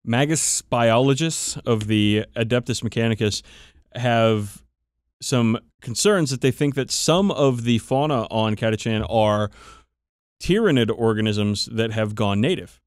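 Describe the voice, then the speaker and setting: With a clear, resonant, medium-pitched voice and a measured pace, a man hosts a podcast, chatting enthusiastically and profanely about game lore. The recording is dry and of studio quality.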